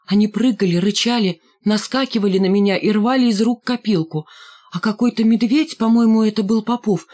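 A woman's voice: medium pitch, fairly quick, darkish tone. A woman narrating a novel in the first person, reading expressively. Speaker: audiobook reader.

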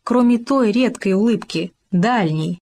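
A woman voicing a small, clever male hamster, speaking in a squeaky, innocent and patient way in a storybook reading. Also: measured pace. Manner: calm, innocent, explaining patiently.

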